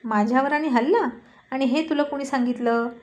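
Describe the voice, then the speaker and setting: A woman's voice: high-pitched, normal speed, natural voice. Woman voicing Rohit, a teasing young husband. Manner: gentle, teasing reassurance. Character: young male politician husband, teasing and caring.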